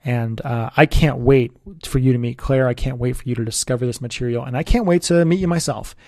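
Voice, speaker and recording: A man, a relationship coach, giving an earnest, persuasive sales pitch straight to the listener. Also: fairly quick, a little mellow, no room sound, clean studio sound.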